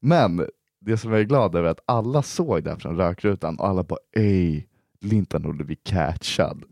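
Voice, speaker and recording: A young man in casual chat, his pitch swinging widely as he tells a story. He laughs often and swears freely. The sound is dry and close. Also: lively intonation, creaky, darkish tone, dry recording.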